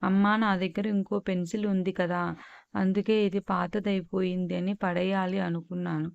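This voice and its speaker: A woman's voice: mid-range voice, level tone, normal speed, creaky, a little mellow, no echo, lo-fi sound, lightly acted. A woman voicing a stubborn, demanding young schoolgirl in a read-aloud story, with a pouty, insistent tone.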